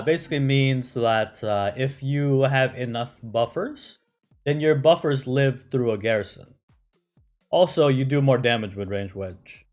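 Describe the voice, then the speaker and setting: A man streaming a game, talking loosely to his chat at a middling pitch. He leans on fillers and tags his points with "right?". Soft music plays underneath. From United States. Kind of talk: casual live-stream commentary answering chat.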